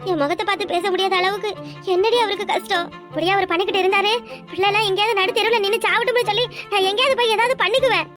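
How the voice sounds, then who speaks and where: A woman's voice: very high voice, steady tone, racing, over music. A woman voicing a distraught young wife in a Tamil cartoon, wailing and accusing in a southern Tamil accent. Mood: anguished. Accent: southern Tamil Nadu.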